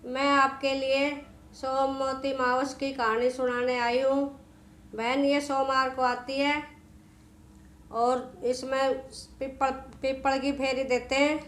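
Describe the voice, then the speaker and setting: A woman storyteller narrates a devotional folk tale in a homely, conversational manner, often repeating herself. Her voice is high-pitched. The room gives it a noticeable echo. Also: level tone, slow pace, fairly bright tone. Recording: echoey room.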